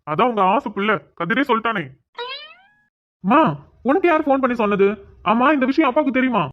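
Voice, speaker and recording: A woman's voice: on the high side, lively intonation, fairly quick, lightly acted. A woman voicing a young man, an injured, exasperated son, in a cartoon. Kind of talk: cartoon voice acting. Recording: tinny phone-like sound.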